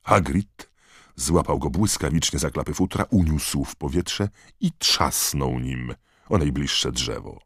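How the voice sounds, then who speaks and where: Very deep-voiced male audiobook narrator. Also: expressive, unhurried, husky, no room sound, studio quality.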